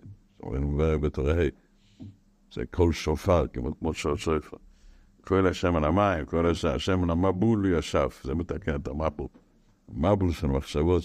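Deep-voiced man teaching Torah. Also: dry recording. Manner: animated, repetitive, rising to emphatic outbursts.

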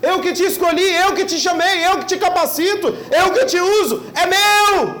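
A very high, lifted voice playing God as a proud, loving father , put on by a preacher. He coaxes and reassures with swelling emphasis. The sound rings in a roomy hall with faint noise underneath. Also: normal speed. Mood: fervent. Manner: warm, coaxing, emphatic reassurance.

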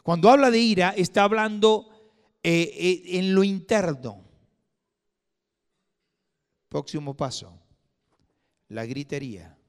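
Pastor guy preaching in church, raises up loud then drops way down, reverb hangs in the hall. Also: sits high, slow pace, pauses often, smooth. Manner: swings from loud emphatic bursts to hushed asides. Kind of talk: sermon.

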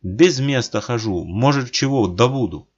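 A man voicing a thin, ragged ex-soldier who speaks hoarsely and wheezes, in a dull lo-fi recording. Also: mid-range voice, animated, normal speed, pitched above the performer's own voice. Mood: humble.

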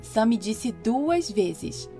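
A woman hosting a children's podcast, narrating a story in a lively storytelling voice. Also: fairly high pitch, drawn-out words, faint music behind.

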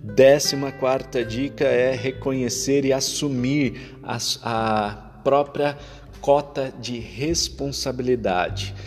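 A man giving couples relationship advice in a measured, counselling tone, sometimes restarting a phrase. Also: medium pitch. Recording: long reverb with faint guitar music behind.

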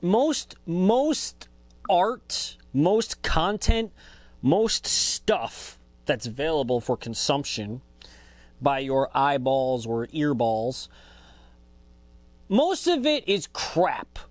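A man's voice: on the high side, big pitch swings, very slow, no room sound. A man in his twenties hosting a podcast, talking in a rambling, profane, laid-back way as a casual monologue. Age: 20s. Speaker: podcast host.

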